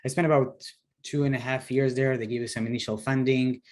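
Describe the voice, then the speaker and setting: A man in his thirties with an Israeli accent, a startup founder answering interview questions, pausing often with fillers and restarts. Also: mid-range voice, steady tone, darkish tone. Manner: hesitant, many fillers and restarts. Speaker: startup CEO guest. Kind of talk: video call interview.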